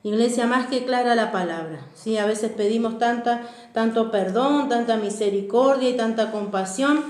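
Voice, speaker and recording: A woman's voice: a little high, normal speed, darkish tone, roomy sound. A woman pastor preaching a sermon, often checking in with the congregation. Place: church.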